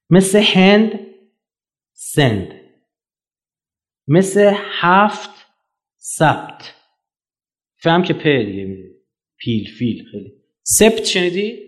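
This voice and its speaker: High-pitched man lecturing, fiery and rhetorical. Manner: animated, rhetorical questions, sharp jumps in loudness; mocking, argumentative. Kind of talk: public lecture.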